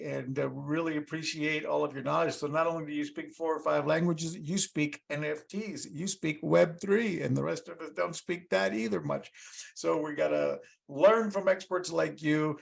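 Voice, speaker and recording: At a normal speed, a man with a slightly high, steady voice and vocal fry hosts a podcast. After an easygoing conversation with his guest, he wraps up with a cheerful, meandering goodbye that asks listeners to like and subscribe.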